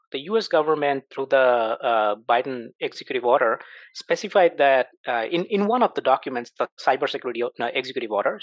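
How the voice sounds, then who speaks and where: A middle-aged man speaking as a podcast guest, his pitch swinging widely as he drives his points home. He poses rhetorical questions and answers them himself. The recording is dry and close, with no room sound. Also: no echo. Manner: animated, emphatic, rhetorical questions. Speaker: startup CEO, podcast guest. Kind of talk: conversational interview answers.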